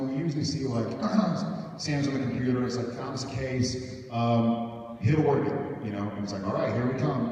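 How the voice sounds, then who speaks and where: A man's voice: mid-range voice, dark tone. A man chatting on a fan convention panel, playful and rambling as he explains things. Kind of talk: casual joking panel talk. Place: large convention hall. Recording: echoey hall from far off, very noisy.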